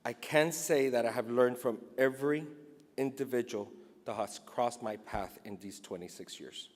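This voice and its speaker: A man's voice: mid-range voice, normal speed. Emotional middle-aged man speaking in a reverberant hall. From Cuba. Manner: emotional, earnest. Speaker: award recipient. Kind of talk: acceptance speech, partly read from notes. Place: large indoor hall at an awards event. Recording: echoey hall with long reverb.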